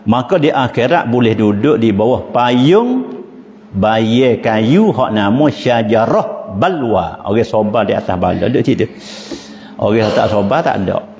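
A man with a Pattani Malay accent, an Islamic teacher giving a lively religious lecture, asking rhetorical questions and chuckling often. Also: medium pitch. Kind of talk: religious lecture in local dialect. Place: mosque. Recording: long reverb of mosque hall, faint noise.

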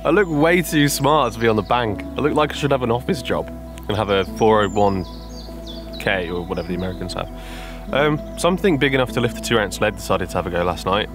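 A young man with a fairly low voice speaks quickly as he vlogs about fishing beside a lake, holding the camera himself. He keeps it casual and drops in wry jokes at his own expense, over background music.

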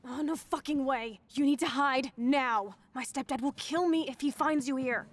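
Brash American punk teen played by a woman for a game; high, slangy, sarcastic, dry close recording. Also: normal speed, no room sound, close to an everyday voice. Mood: defiant, annoyed. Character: brash, rebellious, sweary punk girl, around nineteen. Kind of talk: video game drama acting.

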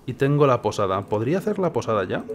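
Talking fast with big swings in his medium-pitched voice, a Castilian-accented Spanish host of gaming videos comments casually on play, wondering aloud and second-guessing himself. A little hiss or hum is audible.

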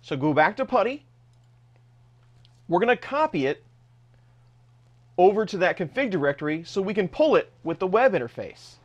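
A man's voice: high voice, sing-song, normal speed, pauses often, lo-fi sound. A man narrating a screen-recorded tech tutorial step by step in a casual, plain way. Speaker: host of a 3D printing tech channel.

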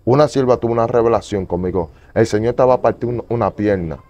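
A man in an interview giving a fervent, repetitive testimony, moving between loud pleading and low murmurs. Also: fast, muffled recording. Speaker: evangelist guest.

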